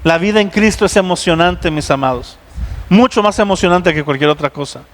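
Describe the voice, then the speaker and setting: A man with a Mexican Spanish accent preaching a sermon as pastor, telling the story with lively acted-out dialogue. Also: high-pitched, fairly quick, in a large hall. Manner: animated storytelling, acting out biblical dialogue. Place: church sanctuary.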